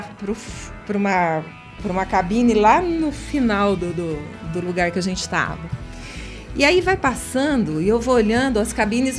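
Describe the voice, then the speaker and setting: A woman from Brazil, a radio interview guest who tells lively anecdotes, laughs often and acts out the people in her story. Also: a little high. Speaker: interview guest, writer and singer.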